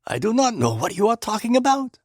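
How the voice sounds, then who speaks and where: A man's voice: high-pitched, big pitch swings, a little fast, no room sound, studio quality, pitched above the performer's own voice. A man voicing a shrewd, placid older Belgian male detective who speaks precisely and drops French phrases, in an audiobook. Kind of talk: audiobook character voice.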